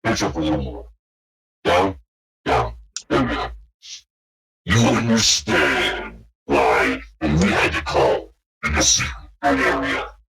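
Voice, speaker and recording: A man voicing a mysterious male schemer through a deep pitch-shifted voice changer, asking slow, insistent questions in a tabletop roleplay game. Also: expressive, creaky, pushed and bright, a little hiss or hum, heavily acted, poor audio. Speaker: game master.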